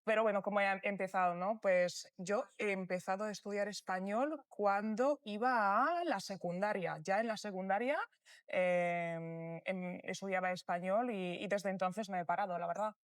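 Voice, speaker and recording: A woman's voice: mid-range voice, normal speed, no room sound, studio quality. A young Polish woman and Spanish teacher, chatting as a guest with a Spain-style accent, enthusiastic and full of fillers. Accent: Polish, speaking Spanish with a Spain accent. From Poland. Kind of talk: casual conversation.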